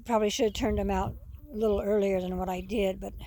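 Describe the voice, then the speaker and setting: A woman with a mellow, medium-pitched voice talks fast with little pitch movement, rambling folksily and repeating phrases as she vlogs about the geese and ducks on her farm. She's standing outdoors under a tree in the countryside, with geese, bird calls, clicks and general outdoor noise around her.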